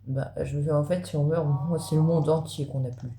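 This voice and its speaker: A man's voice: fairly high pitch, steady tone, fairly quick, vocal fry, warm tone. Man, casual gameplay commentary, chatty, talks to viewers, faint background noise, echoey room. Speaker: gaming video creator.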